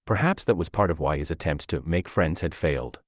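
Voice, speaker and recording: A man narrating a fan fiction story aloud in an expressive, lively storytelling manner. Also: very deep voice, brisk, dry recording, studio quality.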